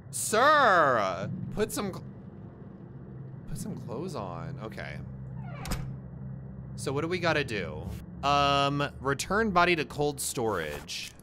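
A young man giving casual, jokey let's-play commentary on a horror game, with loud, jumpy reactions. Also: mid-range voice, sing-song, takes it slowly, a little hiss or hum. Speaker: gaming YouTuber.

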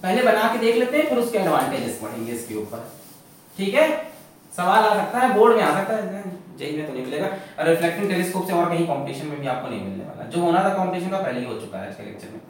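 A man teaching a physics lecture, lively and full of rhetorical questions, mixing English terms into his explanation. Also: high voice, fast talker, slight background noise. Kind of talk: classroom lecture. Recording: echoey classroom from far off.

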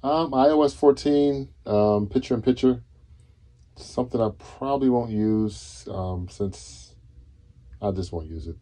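A man in his thirties talking casually to camera in a solo tech video, relaxed and full of fillers and restarts, seated indoors. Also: medium pitch, a little slow. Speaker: tech vlogger. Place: dim indoor room, seated on a couch.

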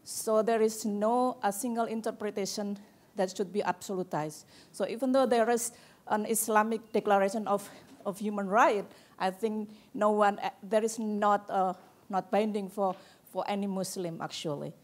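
A woman's voice: mid-range voice, steady tone, moderate pace. Hesitant Indonesian-accented woman asking a question. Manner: hesitant, searching for words, many fillers. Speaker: audience member asking a question.

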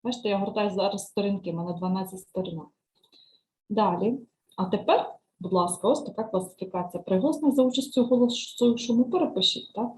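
A woman teacher trainer talks a screen-share tutorial through click by click, in a mellow, dark-toned voice. She explains each task patiently and keeps checking in with listeners. Her pitch sits at an ordinary middle height. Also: rough recording. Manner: talks through clicks step by step, often asks "right?"; explains language lesson tasks patiently.

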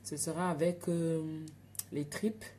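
A woman with an African French accent, hosting a casual live stream from home. She chats and tells stories in a lowish, animated voice, speaking straight to her viewers over a phone, with a faint hiss in the background. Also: slow. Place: home at night.

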